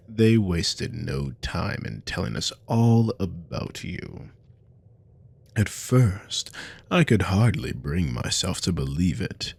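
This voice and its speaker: Lord Voss, gravelly cruel naga commander. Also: male voice, deep voice, a little mellow, dry recording, heavily acted. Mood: mocking, condescending. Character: cruel, haughty male naga army commander, menacing serpent lord. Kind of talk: scripted ASMR role-play monologue to a captive listener.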